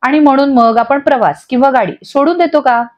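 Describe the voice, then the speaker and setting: Woman doing a gentle, level-headed young wife. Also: high voice, a little fast, close to an everyday voice. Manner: calm, gently scolding. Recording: dull lo-fi audio.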